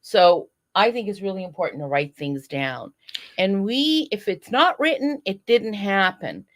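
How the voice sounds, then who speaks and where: A woman's voice: medium pitch, lively intonation, a little slow. A woman who is a guest on a podcast, earnestly advising listeners in casual interview talk. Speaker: guest program director.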